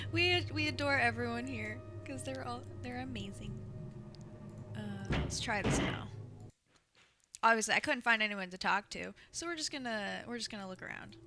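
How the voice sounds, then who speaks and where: A woman's voice: a little high, normal speed, long pauses, noisy background. Sing-songy woman streaming a game. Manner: chatty, sing-songy, talks to her chat. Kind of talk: casual gameplay commentary. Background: game music.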